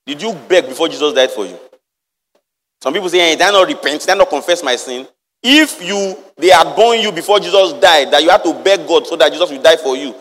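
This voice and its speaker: A man's voice: on the high side, a bit bright, big-room sound. A man preaching a sermon, reading verses and firing rhetorical questions at the congregation. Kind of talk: lively sermon with Bible reading.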